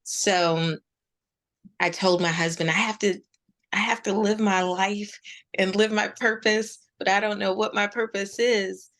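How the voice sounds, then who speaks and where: This is a meditation teacher in her forties, interviewed as a guest, recounting her story in a relaxed way with thoughtful, hesitant pauses. She speaks in a mid-range voice with a fairly bright tone and rather level intonation.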